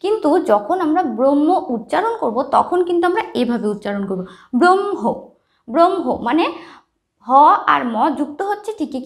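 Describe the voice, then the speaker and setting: A woman teaching a lesson, explaining step by step and checking often with the listener. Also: high voice. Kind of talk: lesson on writing and pronunciation.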